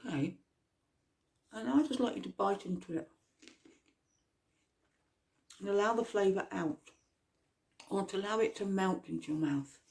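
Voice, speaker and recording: A guide leading a mindful eating exercise at home, asking gentle, slow questions and sometimes talking while chewing. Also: mid-range voice, gravelly. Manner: talks while chewing at times. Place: at home with a cat nearby.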